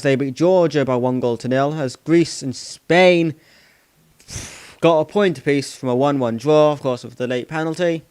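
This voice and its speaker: A man's voice: medium pitch, a little mellow, clean tone, no room sound. A man hosting a football channel, giving a casual results recap with many "of course"s and frequent stops to correct himself. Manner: rambling, self-correcting, repeats "of course".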